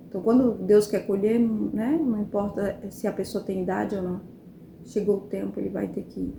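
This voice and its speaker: A Brazilian woman telling of a religious vision in an emotional, halting way, repeating her words and appealing to her listeners. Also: medium pitch, gravelly, dark tone. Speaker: evangelical testimony speaker. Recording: roomy echo, faint background noise.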